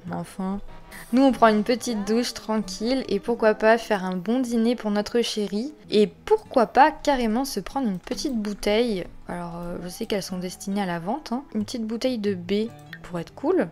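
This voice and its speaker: A woman's voice: mid-range voice, moderate pace, a little mellow, soft background music. A woman hosting a let's play, chatting away and talking fondly to the characters in her game. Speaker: gaming channel host.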